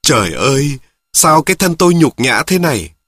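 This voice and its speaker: A man's voice: lowish voice, fast, no echo, studio quality, natural voice. A man reading a story, raising his voice to play a plaintive young daughter-in-law. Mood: sobbing.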